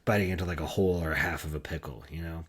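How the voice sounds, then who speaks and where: A man's voice: very deep voice, fairly even intonation, very fast, slightly rough. A man in his thirties co-hosting a podcast, chatting casually and rambling with lots of fillers. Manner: laid-back, rambling with fillers. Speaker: podcast co-host. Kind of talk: casual chat. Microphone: podcast microphone.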